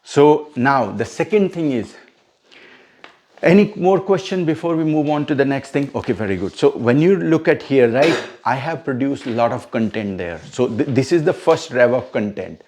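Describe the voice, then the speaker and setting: A man's voice: mid-range voice, lively intonation, normal speed, a little mellow. Man coaching future event hosts. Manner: explains step by step, checks in with listeners often. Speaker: MC trainer. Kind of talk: instructional coaching session.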